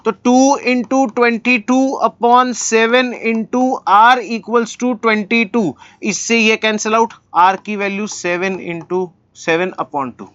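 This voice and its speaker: A man teaching maths, solving textbook problems step by step, asking his own questions and answering them in a relaxed, encouraging way. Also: sits high, clear, resonant tone, no echo, dull audio. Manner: relaxed, encouraging, talks straight to students, asks and answers himself; reads formulas and English sums slowly, word by word.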